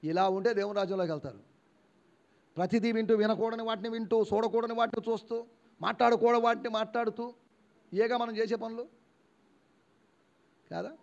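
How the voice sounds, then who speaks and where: A pastor, preaching an animated sermon in church. He rises to loud emphatic shouts and acts out the replies of imagined listeners. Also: high-pitched, a little fast, long pauses, muffled recording. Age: 50s.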